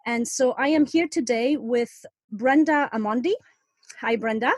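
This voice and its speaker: A woman's voice: fairly high pitch, unhurried, dry recording. A woman from Iceland, hosting an interview with friendly, curious questions. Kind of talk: casual interview chat.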